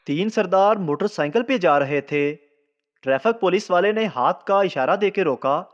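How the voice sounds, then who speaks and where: High-voiced man telling jokes. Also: lively intonation, normal speed, lo-fi sound. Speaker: joke teller. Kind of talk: scripted joke narration.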